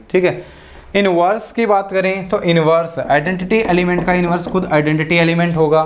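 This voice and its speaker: A man's voice: fairly high pitch, dull audio. A man giving a math lecture in Hindi mixed with English, walking through examples step by step and checking in with "theek hai" and "okay". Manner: steps through examples, repeats "ठीक है" and "okay".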